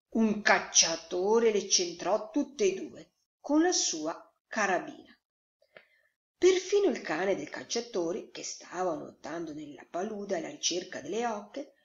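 A woman storyteller reading a fairy tale to children in an expressive, sing-song way. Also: on the low side, gravelly. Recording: roomy echo, slightly dull sound.

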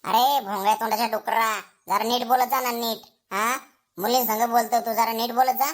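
A woman's voice: fairly high pitch, steady tone, normal speed, close to an everyday voice. A woman voicing a feisty schoolgirl who scolds and insults the boys. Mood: scolding. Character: feisty sharp-tongued schoolgirl.

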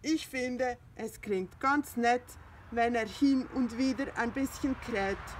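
A woman voicing a kindly, patient old farmer, speaking in a calm, soothing way while reading a storybook aloud. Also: a little high, slow pace, a little hiss or hum.

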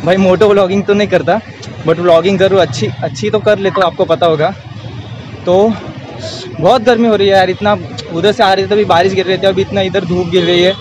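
A young Indian man with an Indian accent and a high voice vlogs casually to a phone held at arm's length, chatting straight into it as he walks city streets and then inside a college building. His delivery is fairly quick and fairly even in intonation, with a noisy background.

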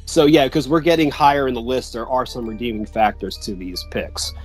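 A man's voice: mid-range voice, expressive, brisk. Casual male co-host on a video call, agreeable, filler-heavy, faint music behind. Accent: Philadelphia. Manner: laid-back, agreeable, lots of fillers. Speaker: podcast co-host. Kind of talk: casual chat.

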